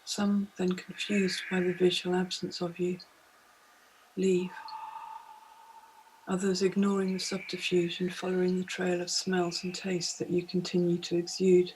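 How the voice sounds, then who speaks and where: A woman who is a meditation guide and multimedia artist reads a scripted, poetic guided meditation as deliberate, immersive second-person storytelling. Her pitch ranges very widely, yet her delivery is monotone and her tone darkish. The recording is rough, with clear ambient noise around her voice.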